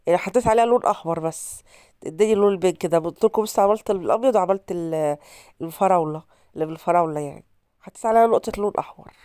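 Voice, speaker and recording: Congested from a cold, a woman from Alexandria hosts a casual cooking vlog in a mid-range, dark-toned voice with an Egyptian Arabic accent. She's chatty and repeats things to viewers. The audio is clean, studio quality, and echo-free.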